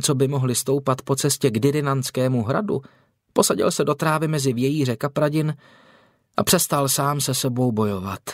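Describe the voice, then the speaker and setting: A male narrator reads a historical novel in a measured, expressive storytelling voice at an average pitch. The studio sound is bone-dry and close. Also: dry recording. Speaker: audiobook narrator. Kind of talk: scripted audiobook narration. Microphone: close studio mic.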